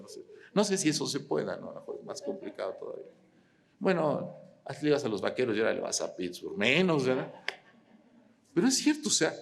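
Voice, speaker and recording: A man, preaching an animated sermon with rhetorical questions, swinging from loud to quiet. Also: medium pitch, vocal fry. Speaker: pastor.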